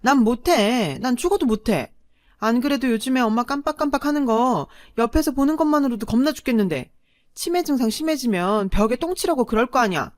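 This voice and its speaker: A woman's voice: fairly high pitch, expressive, a little fast, no room sound, studio quality, lightly acted. A woman voicing a spoiled, selfish older sister who talks in a whiny, dismissive way.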